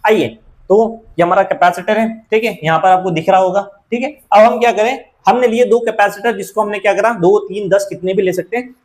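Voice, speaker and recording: Man, high voice, physics teacher, repetitive classroom lecture, checks understanding often. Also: a little mellow, rough recording. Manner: repeats questions, keeps asking "clear?" to students.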